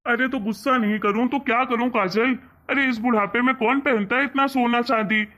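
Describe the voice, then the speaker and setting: A man's voice: very high voice, steady tone, brisk, sharp tone, highs cut off. A man playing an angry, scolding grown son. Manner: scolding, mocking. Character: angry grown son scolding his mother over money. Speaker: cartoon character. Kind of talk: Hindi cartoon story voice acting.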